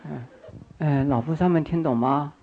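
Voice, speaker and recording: A Buddhist monk teacher, an older man with a fairly high voice, preaches at a moderate pace, coaxing listeners through questions and repetition. Slight background noise sits under the dull, lo-fi recording.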